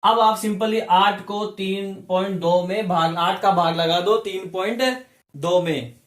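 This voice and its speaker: High-voiced male teacher in echoey room. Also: steady tone, takes it slowly. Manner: explains step by step, asks students rhetorical questions. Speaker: chemistry teacher. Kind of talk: classroom lesson.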